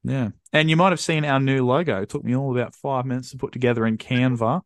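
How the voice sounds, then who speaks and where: A man co-hosting a laid-back podcast, tossing in dry teasing jabs. His voice has a middling pitch and sounds close and dry, with no room around it. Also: fast talker, dry recording. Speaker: podcast co-host. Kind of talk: casual chat.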